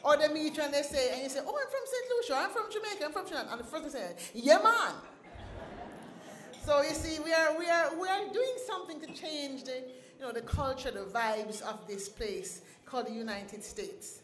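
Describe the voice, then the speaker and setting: A woman's voice: high voice, expressive, fairly quick, fairly bright tone. A woman, the founder and president of an organization, speaking to an awards audience with a rhythmic, sing-song delivery. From Caribbean. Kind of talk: ceremony speech with poetry recital. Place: banquet hall at an awards ceremony. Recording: echoey banquet hall.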